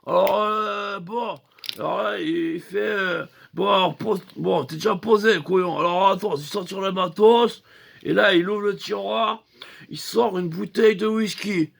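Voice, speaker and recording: A man's voice: sits high, fairly even intonation, measured pace, vocal fry. A man telling a comic story in a rambling, crude way, full of fillers and slang insults. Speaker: comedian.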